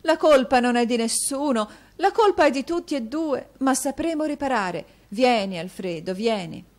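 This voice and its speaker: A woman reading an audiobook and voicing a sobbing, distraught middle-aged milliner's wife with high, drawn-out pleas. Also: lively intonation, darkish tone. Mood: soothing.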